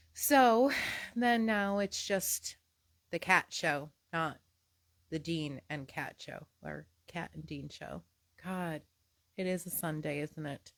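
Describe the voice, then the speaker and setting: Brief: woman co-host, relaxed teasing chat, slightly low pitch, dry room. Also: creaky, no room sound. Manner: chatty, teasing, rambling. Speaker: podcast co-host. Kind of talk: casual couple banter. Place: at home on a Sunday.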